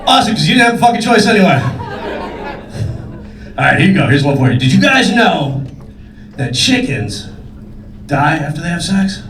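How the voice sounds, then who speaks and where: A man's voice: a little high, big pitch swings, normal speed, pauses often, fairly bright tone, far from the mic. A man performing a stand-up comedy set in a comedy club, brash and profane with self-mocking punchlines. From New York State. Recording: roomy club recording, faint crowd.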